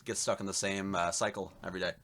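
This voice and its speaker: A man's voice: low-pitched, level tone, a bit bright. A young man with a Long Island accent, a musician guest chatting casually and easily, full of "like". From New York. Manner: rapid, easygoing, lots of "like". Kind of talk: casual chat.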